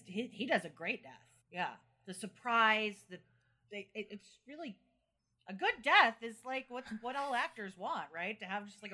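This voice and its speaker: A woman's voice: medium pitch, bright, forceful tone. A woman co-hosting a casual podcast chat, gushing enthusiastically about the show. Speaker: podcast co-host.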